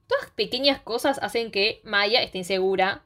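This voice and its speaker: A woman's voice: mid-range voice, a bit bright. Slangy young Rioplatense woman. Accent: Rioplatense Spanish. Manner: fast slangy storytelling, acts out characters' lines. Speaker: co-host recapping a series. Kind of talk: casual chat.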